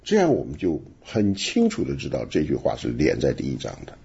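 A man's voice: extremely low pitch, wildly swooping pitch, fairly quick, vocal fry, warm tone, breathy edge, lo-fi sound. A man teaching the Bible on a radio program, talking emphatically and asking rhetorical questions. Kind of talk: radio Bible study discussion.

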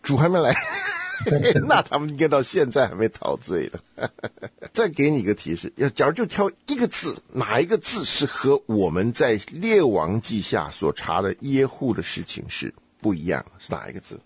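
A man's voice: mid-range voice, huge pitch swings, moderate pace, husky, dry recording, lo-fi sound. A man hosting a casual Bible study chat, teasing and quizzing his co-host and laughing often.

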